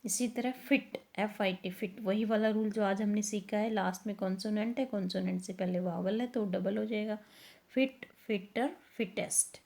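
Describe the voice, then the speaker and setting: A woman, teaching a grammar lesson step by step. She asks questions and answers them herself, and reads the English sentences slowly. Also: medium pitch, steady tone, darkish tone.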